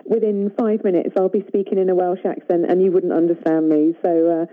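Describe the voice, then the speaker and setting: A woman's voice: lowish voice, flat delivery. A British woman, a nutritionist, speaking assuredly as a guest on a radio phone-in. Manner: brisk, assured, plain-spoken. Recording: tinny phone line.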